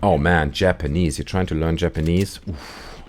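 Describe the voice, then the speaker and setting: A deep-voiced man with a German accent rambles through a casual chat as host of a call-in show. He keeps breaking off mid-sentence to react to the game he is playing. Faint gunfire and noise sit behind him. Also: fairly even intonation, normal speed, darkish tone.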